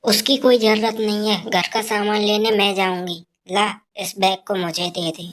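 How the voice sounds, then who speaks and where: A woman's voice: mid-range voice, level tone, normal speed, natural voice. A woman voicing a harsh, scolding old mother-in-law in a cartoon story, with nagging taunts.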